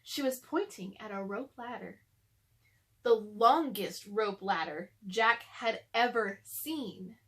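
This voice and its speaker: A woman's voice: medium pitch, takes it slowly, a bit bright. A young adult woman chatting casually to children and reading a storybook aloud to them.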